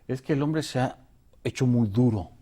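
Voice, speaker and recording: A man's voice: mid-range voice, moderate pace, dark tone. A male pastor talking earnestly and emotionally about God's love on a devotional talk show.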